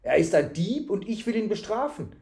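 A furious horse owner scolds and accuses in a storybook tale, put on by a man reading aloud. He is loud and blustering. The voice sits slightly high. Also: sing-song, moderate pace, gravelly, heavily acted. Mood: scolding.

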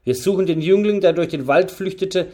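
A gruff, coarse knight, voiced by a man reading an audiobook, brusque and quick to lose patience. He presses his questions with a rough, demanding edge. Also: sits high, warm tone, voice pushed up. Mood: stern.

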